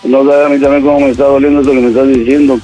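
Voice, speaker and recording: A middle-aged Mexican man on a phone call, insistent and repeating himself as he pleads for calm. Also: mid-range voice, racing, faint music behind. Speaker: prank call target, father.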